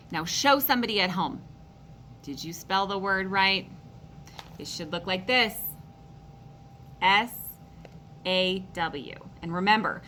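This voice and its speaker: A woman teaching a phonics lesson to young children, slowly sounding out words and encouraging them. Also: mid-range voice, pushed and bright, a little hiss or hum, poor audio.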